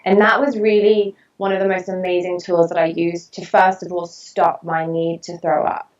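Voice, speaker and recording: An actress and body-image coach, appearing as a podcast guest, shares her story candidly in an earnest, fluent and reflective way. Her voice is lowish and flat, her speed normal, and the remote recording sounds distant and dull.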